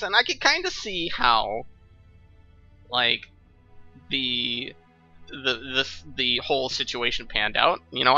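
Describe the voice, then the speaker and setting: A young man giving sarcastic, profane gaming commentary, his voice high and very bright and bouncing all over as he rants. The dull, lo-fi mic takes the edge off his sound. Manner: ranting, sarcastic, laughs often. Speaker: let's play commentator.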